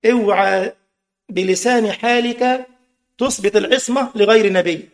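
High gravelly Egyptian preacher. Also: male voice, a little slow. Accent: Egyptian Arabic. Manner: impassioned, rhetorical questions, mocking asides. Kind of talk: sermon.

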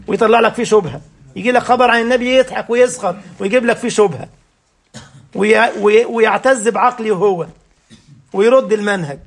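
Egyptian sheikh giving a religious lesson, very high voice, rapid talk, keeps asking the class if they get it. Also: male voice. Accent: Egyptian Arabic. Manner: rhetorical questions to the audience, checking they follow. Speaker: religious teacher.

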